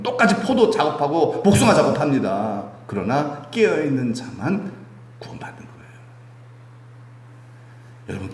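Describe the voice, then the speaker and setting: A male pastor preaching a sermon and leading prayer, often asking the congregation questions. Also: fairly high pitch. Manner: animated, asks the congregation questions. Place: church sanctuary. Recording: echoey church hall with faint music.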